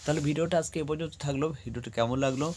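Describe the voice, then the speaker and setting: A man's voice: fairly high pitch, very fast, darkish tone, slight background noise. A man teaching a spoken English lesson, spelling words out letter by letter and explaining each one patiently.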